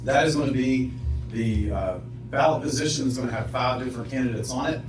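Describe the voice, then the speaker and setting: A man's voice: mid-range voice, fairly quick, music in the background. Earnest man giving a campaign speech. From Southern West Virginia. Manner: earnest, steady public speaking with occasional fillers. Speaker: judicial candidate. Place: visitors center meeting room. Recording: echoey room, far from the mic.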